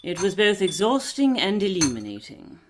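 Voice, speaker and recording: A woman playing a shrewd, poised lady detective in a radio play, brisk, wry and self-assured. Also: mid-range voice, sing-song, slight background noise, natural voice. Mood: wry, confiding.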